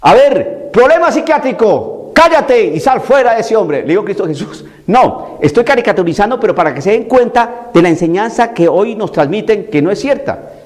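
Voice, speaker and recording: Male preacher, sermon, high pitch, emphatic, repetitive, mocking caricature. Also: very animated, moderate pace, a little mellow.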